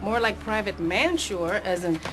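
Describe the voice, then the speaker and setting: A woman acting a perky, giggly sitcom character who is amused by her own jokes, with expressive delivery. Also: mid-range voice, normal speed, loud music behind the voice, natural voice, poor audio.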